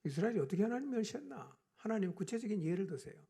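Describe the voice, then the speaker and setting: A pastor delivers a Sunday morning sermon in a slightly husky voice. The pitch is animated and ranges widely. Rhetorical questions to the congregation keep coming, and the volume rises and falls from hushed to forceful. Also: very fast. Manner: swings between quiet and loud emphatic lines.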